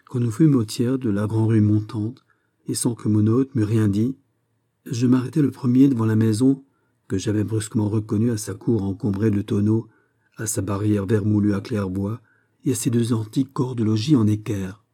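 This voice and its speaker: A man narrates a literary short story in a measured, even way. His voice is very dark and mellow and sits on the low side, and his reading stays unhurried throughout. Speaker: audiobook reader.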